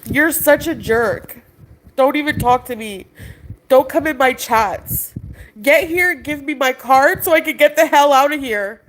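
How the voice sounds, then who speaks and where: A woman's voice: high voice, unhurried, slight background noise, low-quality recording. A woman on a livestream ranting in an agitated way, arguing with someone offscreen and talking to her chat. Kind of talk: emotional livestream rant.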